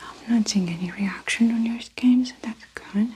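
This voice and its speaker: Whispered role-play, woman as calm doctor. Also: a little high, normal speed, a little hiss or hum. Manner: soft, gentle ASMR delivery. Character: calm doctor giving a physical exam. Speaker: ASMR performer playing a doctor.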